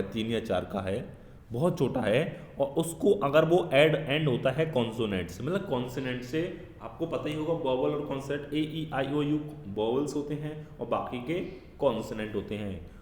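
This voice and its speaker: A man teaches grammar to young pupils in a patient, fatherly way, with an Indian English accent. He slows down to read the English rules aloud word by word. His voice rings in a bare room with a long echo. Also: medium pitch, expressive, a little mellow. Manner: addresses pupils as children, fatherly. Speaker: school teacher. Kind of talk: recorded grammar lesson. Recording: echoey room with long reverb.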